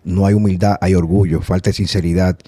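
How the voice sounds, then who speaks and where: Low mellow guy hosting a podcast, rambly, lots of restarts, dry close sound. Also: fairly even intonation, a little fast, no room sound. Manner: conversational and rambling, with many restarts. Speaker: podcast host. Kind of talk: casual conversation.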